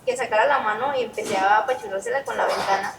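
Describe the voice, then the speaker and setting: A woman with a Mexican accent telling her recovery testimony as a podcast guest, animated and laughing at her memories. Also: medium pitch, fast. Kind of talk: personal testimony in a podcast interview. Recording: echoey room, mic at a distance, background noise.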